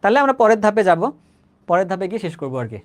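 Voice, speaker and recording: Young male Bangladeshi tutor, quick patient delivery, repeats points and checks in often. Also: high-pitched, very animated. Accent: Bangladeshi Bengali. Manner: conversational, keeps checking if students understood; says he talks slowly, repeats himself. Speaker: chemistry teacher. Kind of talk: live online class.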